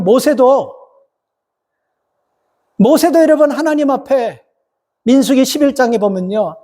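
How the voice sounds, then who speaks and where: A man, a pastor, preaching a Sunday sermon in an emphatic manner, talking straight to the congregation with rhetorical questions. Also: a little mellow. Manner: acts out biblical quotes with rising, heated pitch.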